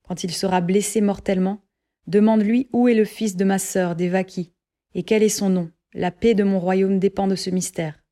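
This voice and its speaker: A woman's voice: mid-range voice, fairly even intonation, moderate pace, warm tone, lightly acted. A woman voicing a frightened, haunted tyrant king who speaks in an uneasy, pleading way.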